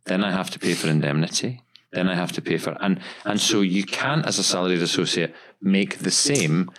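A man who hosts a podcast and owns a dental practice talks casually about running a practice, speaking in long, emphatic runs full of repeated words. His voice sits low, fairly bright, and a little fast.

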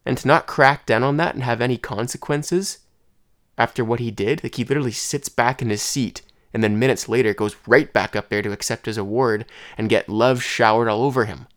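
Congested man, deep dry voice. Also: dry recording. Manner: rambling, conversational, with restarts. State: congested throat and head. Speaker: podcast host. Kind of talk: casual solo monologue.

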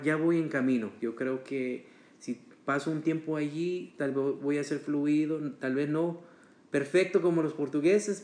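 A man's voice: medium pitch, echoey room. A man talking as a guest on a casual podcast, chatty and hesitant, with many fillers and restarts.

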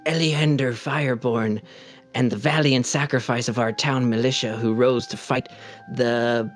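A man playing in a tabletop game, reading a newspaper article aloud in a measured, deliberate way. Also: mid-range voice, steady tone. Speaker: player.

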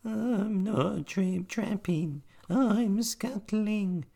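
A man voicing a tiny, timid spider in a storybook, in a squeaky, pleading voice far above his own. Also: very slow, creaky, warm tone, heavily acted.

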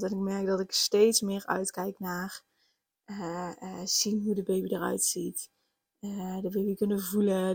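A woman's voice: medium pitch, darkish tone, no room sound. A pregnant young woman, hosting a casual solo podcast, rambling with many fillers and restarts. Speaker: podcast host.

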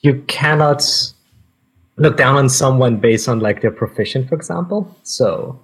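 A man in his thirties from Denmark, a guest on a video-call podcast, talking in a relaxed, rambling way. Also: medium pitch, a little slow, slightly rough. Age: 30s. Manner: relaxed, rambling, many fillers. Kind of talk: casual podcast chat.

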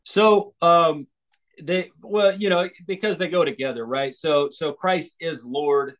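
American evangelist, male, fairly high voice, earnest halting answers. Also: fairly even intonation. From United States. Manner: thoughtful, with many restarts and fillers. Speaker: evangelist and author. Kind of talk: interview answers.

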